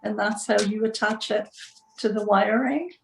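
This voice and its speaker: A woman from the northeast of England, with a northern English accent and a creaky, mid-range voice, talks at a normal speed. She's a textile doll artist being interviewed, speaking reflectively and casually as she thoughtfully searches for words. The recording sounds roomy and echoing, with a faint hiss or hum.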